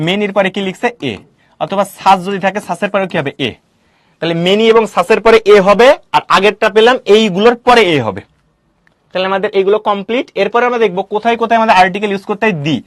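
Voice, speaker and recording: A male teacher giving a classroom grammar lecture, quizzing students with quick questions and answering them himself. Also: sits high, no room sound, clean studio sound.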